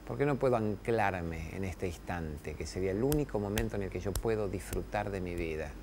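A middle-aged man with an Argentine accent hosting a TV talk show, giving a motivational spiritual talk to camera with emphatic, preachy delivery and long pauses on key words. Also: low-pitched, expressive, noisy background. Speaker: TV show host. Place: TV studio with camera crew.

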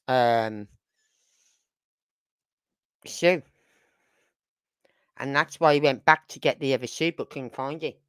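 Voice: medium pitch, dry recording. A chatty true crime host in their fifties talks over the footage and often poses rhetorical questions. The voice is recorded close and dry, with no room sound. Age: 50s. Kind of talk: casual commentary.

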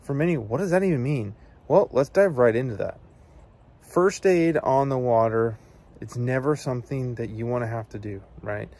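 Standing among evergreens outdoors, the thirtysomething American host speaks to his camera with earnest, plain-spoken practical advice, keeping the instruction casual. He uses a medium-pitched, darkish voice at a moderate pace.

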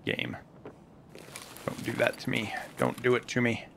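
A man's voice: mid-range voice, little pitch movement, unhurried, creaky, background noise. A man giving casual commentary to himself while playing a shooter game, muttering as he loots and swearing now and then. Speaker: gameplay streamer.

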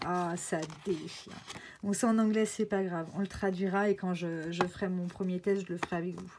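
A young woman chatting casually through an art-supply unboxing, excited and full of fillers and restarts. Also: on the low side, a little fast, noisy background. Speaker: craft vlogger.

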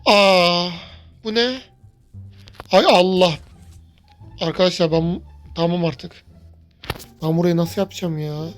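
Excitable man narrating his gameplay. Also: high-pitched, slow pace, pauses often, soft background music. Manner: excitable, chatty, talks to viewers, yells when startled. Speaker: gaming YouTuber. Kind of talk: let's-play commentary.

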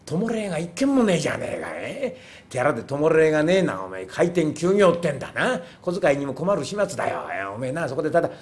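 A man voicing a rough, lazy fake priest who talks in gruff, brusque slang, in rakugo storytelling. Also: a little high, big pitch swings, brisk. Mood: grumbling.

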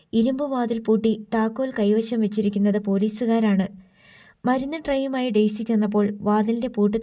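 A woman narrating a novel in a measured, even storytelling manner. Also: medium pitch. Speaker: audiobook narrator. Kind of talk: scripted narration. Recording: slightly distant from mic.

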